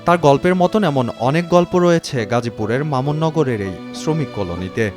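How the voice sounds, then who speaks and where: Male news reporter, Bangladeshi accent, mid-pitched voice, scripted narration with music clearly behind. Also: animated, normal speed.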